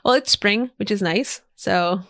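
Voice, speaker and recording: A woman's voice: medium pitch, measured pace, a bit bright, no echo, clean studio sound. A woman whose first language is Spanish, a podcast guest chatting casually and eagerly recommending things with emphatic repeats. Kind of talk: casual interview chat. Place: podcast studio.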